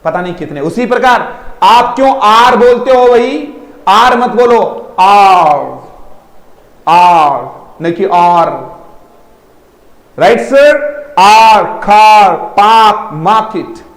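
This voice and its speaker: A man's voice: high voice, animated, slow, pauses often, a bit bright, roomy sound. A man teaching an online vocabulary lesson, repeating words in drills and coaxing his students to answer. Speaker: English teacher.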